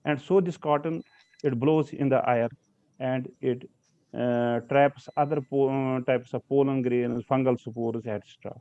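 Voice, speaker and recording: Halting man lecturing over a video call. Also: mid-range voice, fairly even intonation, mellow, no echo. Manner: halting, many fillers and restarts. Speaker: lecturer on pollen allergy. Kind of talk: online slide lecture. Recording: slightly dull video call audio.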